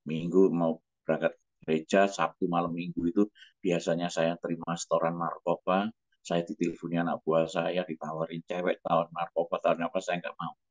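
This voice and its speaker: A middle-aged man, a pastor giving an emotional, halting personal testimony. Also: deep voice, no echo. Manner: emotional, halting, breaks off and restarts. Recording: dull, muffled dry recording.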